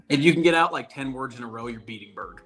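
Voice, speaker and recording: A man's voice: mid-range voice, animated, fairly quick, over music. A man co-hosting a live golf show, blunt and joking, swearing offhand. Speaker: co-host. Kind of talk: casual live show chat.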